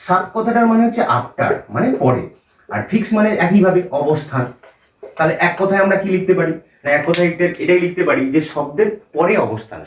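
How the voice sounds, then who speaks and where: A man with a Bengali accent teaching English grammar at a board, explaining step by step with fillers. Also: on the high side. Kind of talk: whiteboard grammar lesson. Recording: roomy, distant, dull lo-fi sound.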